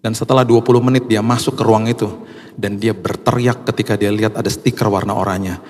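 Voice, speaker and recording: A middle-aged man, preaching a sermon and telling stories, animated and acting out the voices of people in his story. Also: fast, slight background noise. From Indonesia. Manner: animated, acts out dialogue with raised pitch. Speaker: pastor. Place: church hall. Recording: live church hall with long reverb.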